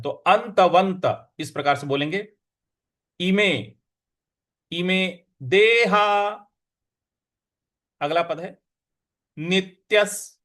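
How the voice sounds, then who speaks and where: A man leads a recitation lesson, chanting verses in long, drawn-out lines. His voice sits high for a man, and his overall pace is slow and deliberate. He breaks up the chanting with quick explanations of each sound. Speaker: teacher of Gita recitation.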